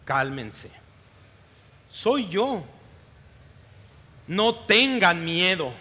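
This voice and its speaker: A man reading the words of a calm, gentle male teacher reassuring his followers, in a measured way. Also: sits high, heavily acted. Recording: long reverb of a large hall.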